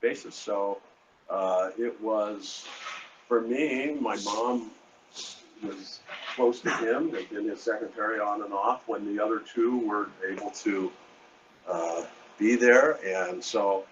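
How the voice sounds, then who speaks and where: A deep-voiced artist in his 60s or older tells rambling, halting anecdotes during a casual interview at a live hotel event, often quoting conversations. The live stream sounds muffled and lo-fi, with a noisy room.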